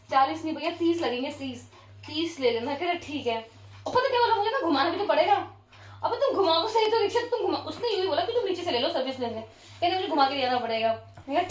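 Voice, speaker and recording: High-voiced woman laughing through a story. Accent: Uttarakhand Hindi. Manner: laughing often while retelling. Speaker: vlogger. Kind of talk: casual storytelling. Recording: echoey room, from far off.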